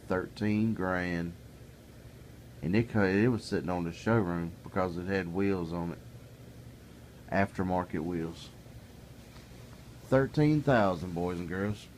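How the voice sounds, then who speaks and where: Deep-voiced and plainspoken, a middle-aged vlogger delivers a casual, folksy rant directly to the camera. He gets more heated and exasperated the longer he talks. The recording carries a faint hiss.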